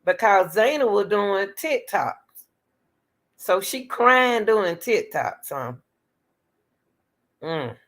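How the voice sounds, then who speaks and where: A woman's voice: mid-range voice, slow pace, long pauses. A woman hosting casual true-crime commentary, reading case details aloud and breaking off to question them and talk straight to her viewers. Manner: animated, talks straight to the audience, exclaims and questions; breaks off reading to argue with the material.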